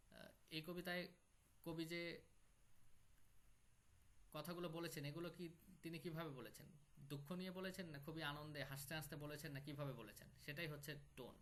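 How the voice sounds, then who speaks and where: A man's voice: fairly high pitch, a bit bright. A man teaching an online poetry class, explaining step by step and repeating key terms.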